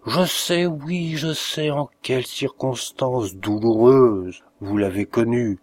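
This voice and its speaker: A courteous, effusive small-town notary, as a male reader puts him on, gushing with formal politeness. The pitch stays in a middling range, read for an audiobook. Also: slow pace, darkish tone.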